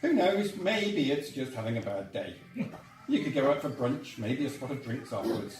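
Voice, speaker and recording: A man's voice: medium pitch, expressive, normal speed, a little mellow. A man reading a choose-your-own-adventure story aloud with playful emphasis, recorded from a distance in a roomy space with faint music. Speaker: volunteer reader.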